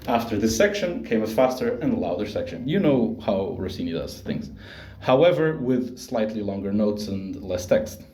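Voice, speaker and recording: Young male student, mellow mid voice, explains at length with ums and restarts, room echo around him. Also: on the low side, very animated, normal speed. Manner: explanatory, with fillers and self-corrections. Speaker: voice student presenting. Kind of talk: spoken presentation. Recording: roomy echo.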